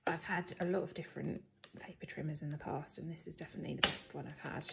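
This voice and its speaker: A young British planner vlogger talks fast in a deep, croaky voice with fairly even intonation, showing her planner supplies casually. She clears her throat and hesitates a lot, with many ums and soft laughs. The living room's hard floor makes it echoey, and there's faint noise.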